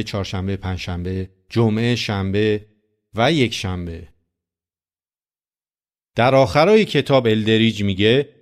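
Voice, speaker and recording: A man's voice: fairly low pitch, smooth. Earnest man preaching a personal story.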